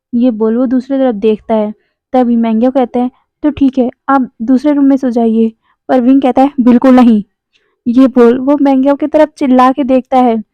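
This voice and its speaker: Woman narrating a fanfic story, high voice, dry tinny phone-y sound, chatty with viewers. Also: no room sound. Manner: chatty, addresses viewers as guys. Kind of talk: storytelling narration with character dialogue.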